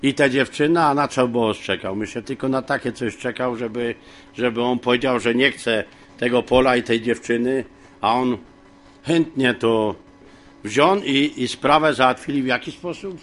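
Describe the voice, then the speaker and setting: A man teaching from the Bible in a homely, rambling way, with many fillers and frequent throat clearing. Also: medium pitch, normal speed, a bit bright. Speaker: preacher.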